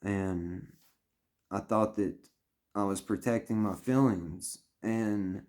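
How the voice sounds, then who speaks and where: A man's voice: on the low side, fairly even intonation, takes it slowly, darkish tone. A man in his thirties talking straight to camera, earnest and rambling, often swearing and restarting his sentences as he gives life advice. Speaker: vlogger giving life advice. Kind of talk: heartfelt personal monologue.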